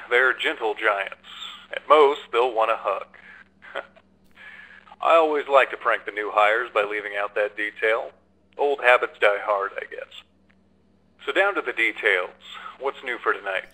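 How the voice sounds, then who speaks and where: A man's voice: mid-range voice, sharp tone, low-quality recording. A man voicing a chatty male night-shift supervisor who briefs a new hire in a horror game, casual and joking.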